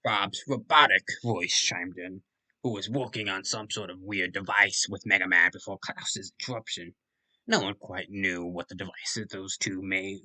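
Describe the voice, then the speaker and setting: A man's voice: sits low, bright, forceful tone, rough recording. A man hosting a comedic fanfiction reading, breaking off into crude jokes and talking about himself in the third person. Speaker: channel host reading fanfiction. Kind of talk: comedic dramatic reading with commentary.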